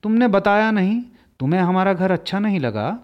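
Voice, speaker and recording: A man voicing a curious, tender-hearted young girl who asks bright, pleading questions in a storybook reading. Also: sits high, expressive, a little fast, muffled recording, pitched above the performer's own voice.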